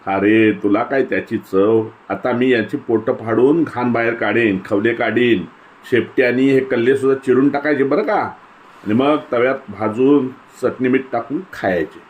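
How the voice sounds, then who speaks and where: A man's voice: mid-range voice, normal speed, close to an everyday voice. A man voicing a chatty know-it-all village boy who eagerly explains things to his friends. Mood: boastful.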